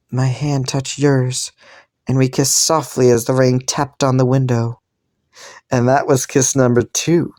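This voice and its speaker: A man playing a slow, teasing, possessive stranger. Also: mid-range voice, no echo, studio quality, natural voice. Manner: slow, seductive, teasing, quietly menacing. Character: seductive possessive magical male stranger, cruel and teasing. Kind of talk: audio role-play.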